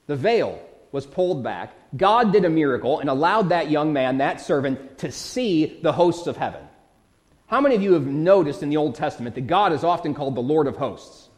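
A man preaching a sermon, reading old scripture verses and then retelling them in lively everyday words. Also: on the high side.

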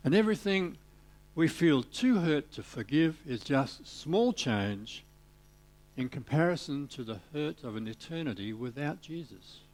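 A man preaching a sermon, retelling a parable with animated storytelling and little voiced parts for the characters. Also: fairly high pitch, measured pace.

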